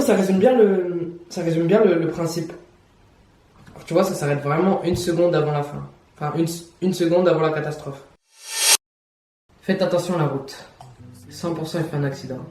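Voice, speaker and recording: A man's voice: on the high side, a little mellow, recorded from a distance. A young man, chatting casually as he reacts to videos, laughing and repeating himself. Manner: chatty, laughs often, repeats phrases, slangy. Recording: roomy echo, voice set back from the mic.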